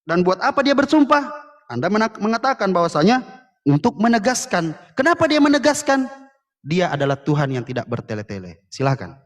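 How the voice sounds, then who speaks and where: A man's voice: high voice, big pitch swings, a little fast, long reverb tail. A man arguing in a debate, pressing his point with pointed rhetorical questions. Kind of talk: live debate argument.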